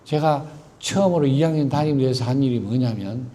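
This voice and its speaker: A middle-aged teacher with a Gyeongsang Korean accent gives a guest lecture built on stories. His voice is dark and mellow. He asks his listeners questions and acts out the people in his stories. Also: mid-range voice, brisk. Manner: acts out quoted voices and poses rhetorical questions. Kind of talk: storytelling public lecture.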